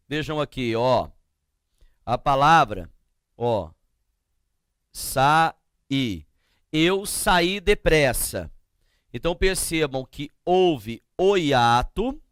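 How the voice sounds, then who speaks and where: A man teaching a grammar lesson, explaining slowly and often asking the class to check they follow. He speaks with a Brazilian Portuguese accent. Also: a little high, dry recording, studio quality. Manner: slow, drawn-out explanations with frequent checking questions.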